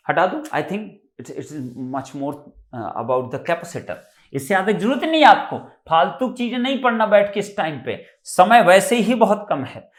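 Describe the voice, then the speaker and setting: A man's voice: high voice, fairly bright tone, roomy sound. A man with an Indian accent teaching a live online exam-prep class, often repeating points and checking that students have understood.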